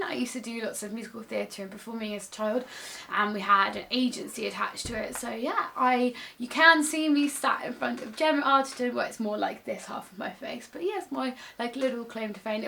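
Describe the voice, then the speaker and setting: Chatty young woman with vocal fry. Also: fairly high pitch, bright, forceful tone, slight background noise. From England. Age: 20s. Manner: chatty, laughs often, trails off with "so yeah". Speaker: vlogger. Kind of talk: casual to-camera chat. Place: home office at a desk.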